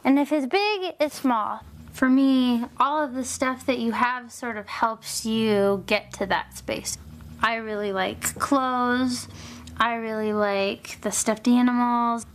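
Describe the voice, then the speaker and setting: A woman's voice: on the high side, takes it slowly, a little hiss or hum. A young American woman in her twenties, chatty and upbeat, casually showing off her room. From United States. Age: 20s.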